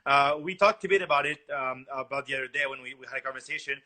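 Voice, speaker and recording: A man hosting a casual podcast about wine, talking haltingly with many restarts and fillers. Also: mid-range voice, bright, forceful tone. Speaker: podcast host, wine enthusiast.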